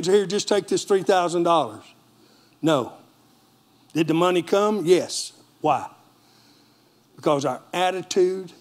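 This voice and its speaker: A man preaching a lively sermon in a church with a Texan accent, calling for amens from the congregation. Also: high-pitched. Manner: animated preaching with call-and-response. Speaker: pastor.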